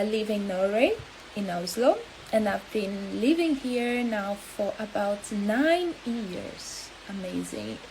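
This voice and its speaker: Slow, halting woman. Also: mid-range voice, a little mellow, slight background noise, low-quality recording. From Angola. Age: 30s. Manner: halting and hesitant, with many pauses. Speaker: health coach. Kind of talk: live-stream talk.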